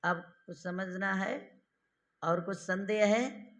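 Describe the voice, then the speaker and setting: A man teaching Sanskrit grammar in a lecture, quizzing his listeners with questions and repeating each definition slowly. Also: sits high, fairly bright tone. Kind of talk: classroom lecture.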